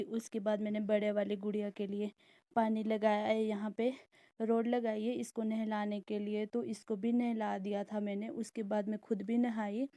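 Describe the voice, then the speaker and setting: A woman's voice: mid-range voice, mellow. A young mother from the Indian hills, chatting easily as she walks through her cooking and childcare. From Indian hill region. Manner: easy, chatty, explains each step. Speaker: vlogger, mother of two daughters. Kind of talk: casual daily-routine vlog voice-over.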